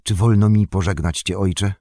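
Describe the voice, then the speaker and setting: A man's voice: deep voice, fairly even intonation, normal speed, warm tone, no echo, studio quality. A man voicing a weary, dutiful young captain in an audiobook, tired and sighing. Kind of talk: audiobook reading.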